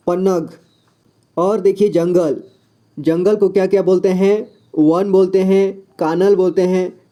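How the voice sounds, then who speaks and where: A man with a high voice and a very dark, mellow tone teaches a vocabulary lesson. He works slowly through lists of words and pauses often to check in with his students. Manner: repeats "ठीक है" after each point, slow and deliberate. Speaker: Hindi teacher. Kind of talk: classroom lesson listing words.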